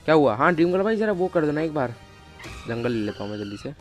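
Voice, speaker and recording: Man, live game stream, higher voice, chatty, shouts at teammates, game music behind. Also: fast talker. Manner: chatty, calls out to viewers and teammates, bursts of excited shouting. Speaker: gaming streamer. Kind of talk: casual live game commentary.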